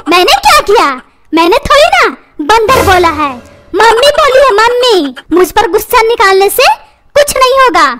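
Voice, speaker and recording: Woman doing a cheeky cartoon kid, squeaky high voice, whiny and sassy, loud music behind.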